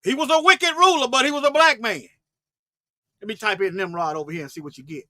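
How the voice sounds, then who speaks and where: A man preaching fervently in a livestream, repeating himself and restarting phrases, swinging between loud emphatic bursts and low asides. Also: quick pace, dry recording, clean studio sound. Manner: fervent, repetitive, with frequent restarts. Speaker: online Bible teacher.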